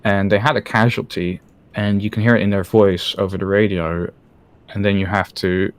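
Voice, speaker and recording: Speaking in a lowish voice with a flat delivery and moderate pace, a former Apache pilot from the Netherlands opens up in a live-stream interview, with many hesitant restarts. There's no room sound in the recording.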